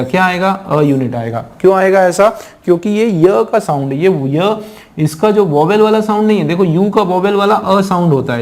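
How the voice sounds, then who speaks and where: A man teaches English grammar in an exam-prep lecture. He explains patiently, often asks his students questions and reads the English examples out slowly. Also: on the high side, a little mellow. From India.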